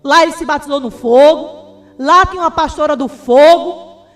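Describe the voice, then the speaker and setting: High-voiced fervent woman preacher. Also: normal speed. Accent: Brazilian Portuguese. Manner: fervent, repeatedly addresses listeners as beloved. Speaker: evangelist. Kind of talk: testimony sermon.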